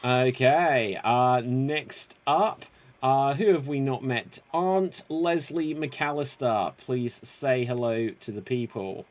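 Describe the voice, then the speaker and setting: Over a video call, an improv show host runs a live game in an energetic, game-show style. His mid-range voice takes things slowly, and he's upbeat, rambles a little, and keeps self-correcting.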